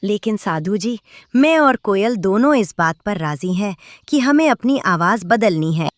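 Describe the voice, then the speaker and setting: A woman's voice: mid-range voice, animated, measured pace, no echo, studio quality, close to an everyday voice. A woman voicing a hungry, envious male crow in a children's cartoon story, insistent and complaining.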